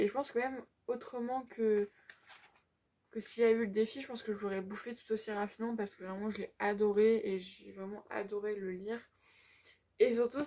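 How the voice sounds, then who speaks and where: Young woman rambling happily about what she read, kinda gravelly voice, lots of "euh" and "du coup". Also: mid-range voice, warm tone. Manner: chatty and gushing, with many fillers. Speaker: book vlogger. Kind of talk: casual reading update.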